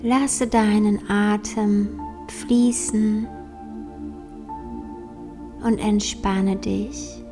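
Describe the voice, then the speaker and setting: Very slow, soft whispery woman guiding meditation. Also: mid-range voice, steady tone. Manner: soothing, very slow, with long pauses. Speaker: meditation guide. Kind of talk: guided meditation in a soft, breathy near-whisper. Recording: soft new-age music behind. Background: new-age meditation music.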